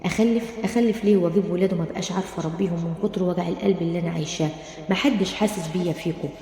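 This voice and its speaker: A woman's voice: fairly low pitch, racing, mellow, close to an everyday voice. A woman with an Egyptian accent voicing a frightened, weepy young wife in a roomy, echoing recording. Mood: tearful. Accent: Egyptian Arabic. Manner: pleading, weepy. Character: frightened tearful young wife, unhappy in marriage. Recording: roomy, long reverb.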